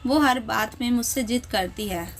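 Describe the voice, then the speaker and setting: A woman's voice: a little high, moderate pace, noisy background, close to an everyday voice. A woman narrator voicing an elderly mother-in-law who scolds harshly and stubbornly. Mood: angry, scolding.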